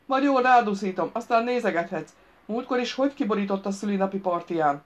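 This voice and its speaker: A woman's voice: medium pitch, animated, natural voice. A woman voicing a sulky, cheeky ten-year-old boy in an audiobook, defiant and demanding.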